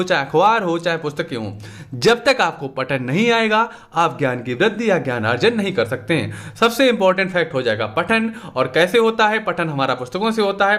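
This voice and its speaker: Male exam tutor, high bright voice, Hindi accent, conversational question-and-answer delivery. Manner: conversational, repeatedly asks and answers own questions. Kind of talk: exam revision lesson.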